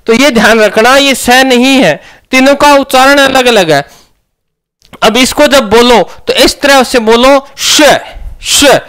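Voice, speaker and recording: A man's voice: extremely high pitch, a bit bright, clean tone. A man teaching a grammar lesson, asking questions and answering them himself.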